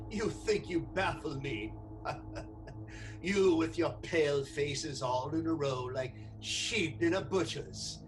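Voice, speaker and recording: An actor playing a menacing, gloating vampire count in a radio play, with a taunting, deliberate delivery. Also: male voice, fairly high pitch, music in the background. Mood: gloating, mocking.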